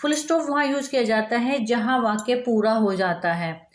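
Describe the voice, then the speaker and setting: Female teacher, slightly high voice, patient step-by-step grammar explainer, roomy echo. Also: normal speed. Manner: explains step by step with spoken examples. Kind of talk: grammar lesson for students.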